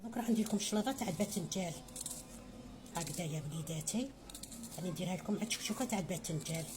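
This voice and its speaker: A woman's voice: fairly low pitch, racing, noisy background. A middle-aged woman with an Algerian Arabic accent giving a home cooking tutorial, chatty and motherly, calling viewers her children and adding blessings. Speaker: home cook.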